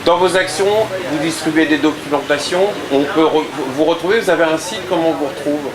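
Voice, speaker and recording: A man's voice: a little high, steady tone, fairly quick, roomy sound, low-quality recording. Man interviewing at a busy street rally. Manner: prompting, brief affirmations. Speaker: local web TV interviewer. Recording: outdoor crowd noise. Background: crowd.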